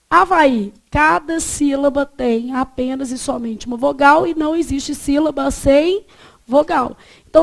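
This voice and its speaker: High-voiced Brazilian woman teaching a class. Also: vocal fry. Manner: quizzing students with repeated check questions. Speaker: Portuguese teacher. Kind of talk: classroom grammar lesson.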